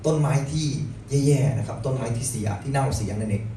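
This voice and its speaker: A man's voice: medium pitch, a little fast, warm tone. A man interpreting a sermon phrase by phrase for a congregation, addressing them politely and often. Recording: very echoey hall, distant, noisy.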